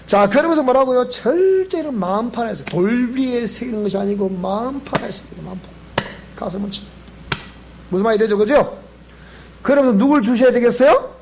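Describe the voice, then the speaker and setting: Lively Gyeongsang pastor preaching. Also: male voice, very high-pitched, normal speed, a little hiss or hum. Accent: Gyeongsang Korean. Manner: animated, keeps quizzing the congregation. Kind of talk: sermon. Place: church sanctuary.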